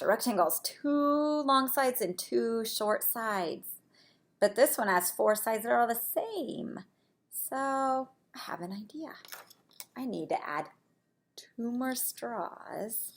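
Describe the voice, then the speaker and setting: A woman preschool teacher with a medium-pitched, creaky voice guides young children through a read-aloud and a shape activity. She explains each step simply and asks encouraging questions.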